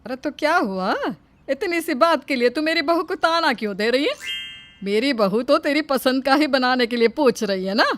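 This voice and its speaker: A protective mother-in-law in a cartoon story, gentle and comforting even when she scolds. Her voice is fairly high and lively in pitch. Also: moderate pace, soft background music. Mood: defensive. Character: kind, protective middle-aged mother-in-law.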